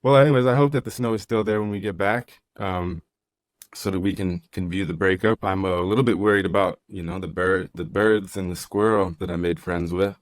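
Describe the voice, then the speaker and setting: Podcast host: young man, very deep voice, relaxed and chatty, dry close mic. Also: brisk, no echo. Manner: easygoing, rambling, reads chat comments aloud. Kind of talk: casual podcast conversation.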